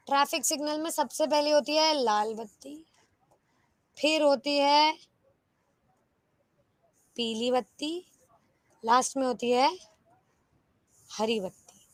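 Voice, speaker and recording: Young female teacher for an online class: high, bright voice, dry close mic, lively and coaxing, keeps asking the class questions. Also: takes it slowly, pauses often, no echo. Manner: lively, coaxing, asks students rhetorical questions. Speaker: online exam-prep teacher. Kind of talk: live online class, Hindi mixed with English.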